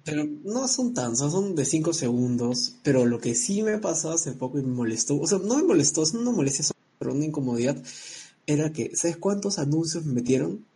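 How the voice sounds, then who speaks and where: A man's voice: on the high side, animated, fairly quick, warm tone, breathy edge. A man co-hosting a casual chat, joking around and sending playful greetings to his listeners.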